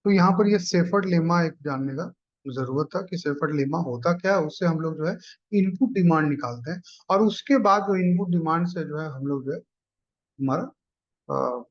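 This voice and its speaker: A man's voice: a little high, normal speed. A man teaching exam-prep economics math, explaining each step and checking in with students. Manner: explains step by step, often asks "clear?" and "ठीक है". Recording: dull lo-fi recording.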